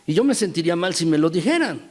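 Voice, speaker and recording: A male pastor delivers an emphatic sermon in a fairly high voice, turning again and again to the congregation. His words ring out with a long hall reverb from the church sanctuary. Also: very animated, fast talker, a little mellow. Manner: emphatic, repeatedly addressing the congregation as brothers.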